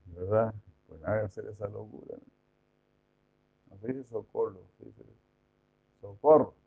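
A devotional preacher gives an informal, chatty lecture packed with rhetorical questions and mock imitations. His voice is lowish and creaky, with fairly even intonation and a moderate pace. The sound is tinny, like a phone.

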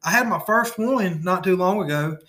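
A man's voice: high voice, normal speed, bright, forceful tone. A man with a lisp co-hosting a casual podcast, rambling and repeating words as he talks. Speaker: podcast co-host. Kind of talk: casual chat.

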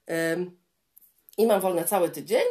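A woman in her thirties co-hosting a podcast, chatting casually and laughing often. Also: slow pace. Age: 30s. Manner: animated, laughing, swings high and low. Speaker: podcast co-host. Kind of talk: casual chat.

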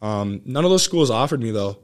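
A man's voice: mid-range voice, lively intonation, fairly quick. A young American man, a student athlete, telling earnest, informal, rambling anecdotes as a guest in a casual interview. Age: young adult.

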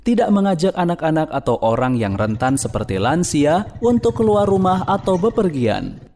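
A man's voice: on the high side, sing-song, darkish tone, a little hiss or hum. Formal male public-service announcer. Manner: measured formal instructive reading.

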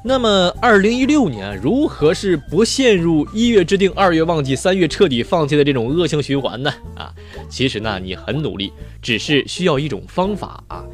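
A man's voice: fairly high pitch, very animated, normal speed, soft background music. A man hosting a show in a chatty, playful way, telling jokes and then giving advice to his listeners. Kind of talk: joke telling and advice talk.

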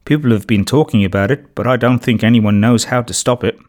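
A man voicing an excited, curious young schoolgirl who asks eager questions. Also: medium pitch, a little fast, close to an everyday voice.

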